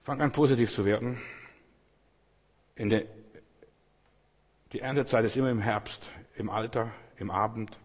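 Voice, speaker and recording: A man preaching a sermon in an earnest way, breaking into loud, fervent prayer. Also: mid-range voice, measured pace, long pauses, slightly rough. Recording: long hall reverb.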